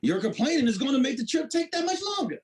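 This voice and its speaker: Woman playing a puny, wildly animated pilot. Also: sits high, quick pace. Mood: irritated. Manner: whiny, sarcastic. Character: puny, exasperated male spaceship pilot. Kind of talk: sci-fi spoof comedy acting.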